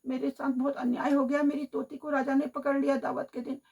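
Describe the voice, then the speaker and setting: A woman's voice: high-pitched, flat delivery, brisk, vocal fry, darkish tone. A woman voicing a distressed male parrot begging others for help. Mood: pleading. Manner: pleading, distressed.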